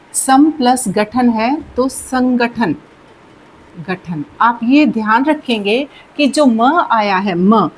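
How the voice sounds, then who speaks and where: A woman's voice: fairly high pitch, a little hiss or hum, rough recording. A woman teaching Hindi grammar in a patient classroom manner, repeating key words and checking in often. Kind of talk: slow, deliberate classroom explanation.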